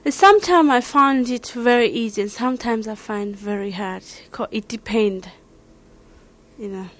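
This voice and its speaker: A woman from Somalia with a Somali accent, answering interview questions in halting, searching English. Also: on the high side, fairly bright tone, slight background noise. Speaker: learner interviewee.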